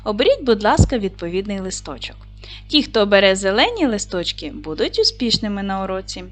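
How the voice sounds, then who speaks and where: Teaching small children over video, a woman in a primary school draws out words for dictation and cheers the class on. She speaks slowly and clearly in a mid-range voice with big pitch swings.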